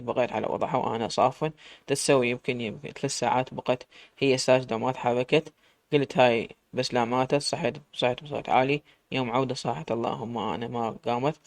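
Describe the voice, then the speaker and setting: A man with an Iraqi Arabic accent tells a dramatic story in the first person, quick and emotional. His voice is gravelly. The recording is dry and close. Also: medium pitch, no room sound. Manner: emotional, fast-paced telling.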